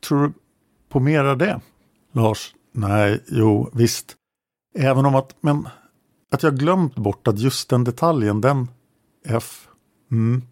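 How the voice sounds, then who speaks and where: On a true-crime podcast, a male narrator reads an interrogation transcript aloud, announcing each speaker before their lines in a measured, matter-of-fact manner. His mid-range voice is slightly mellow, and the studio recording is dry and clean.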